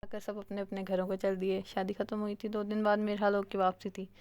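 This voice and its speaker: A woman narrates an audio novel in a steady, plain reading manner. Her pitch sits in a middle register and hardly varies. The delivery is even from line to line. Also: brisk.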